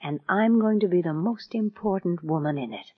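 A woman's voice: on the low side, moderate pace, slightly rough. An actress playing a scheming, seductive and imperious frontier woman in a 1950s radio western. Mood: coaxing, ambitious. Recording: muffled old 1950s radio recording.

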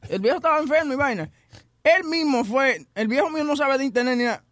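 A man's voice: very high voice, animated, fast talker, a bit bright, no room sound, clean studio sound. A man in a casual group chat, explaining a family story.

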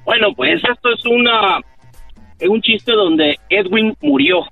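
A man's voice: extremely high pitch, very animated, slow, creaky, no room sound, faint music behind. Man telling a joke over a tinny phone line. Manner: storytelling, acts out the characters' lines.

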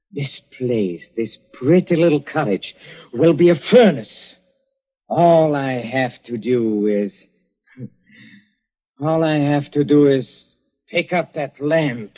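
A gloating, cold-blooded professor. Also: male voice, mid-range voice, unhurried, breathy edge, in a large hall. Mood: smug. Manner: sneering, then hysterical screaming. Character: gloating murderous male professor, cold and vain. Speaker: villain. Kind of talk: 1940s radio acting. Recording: lo-fi old radio recording.

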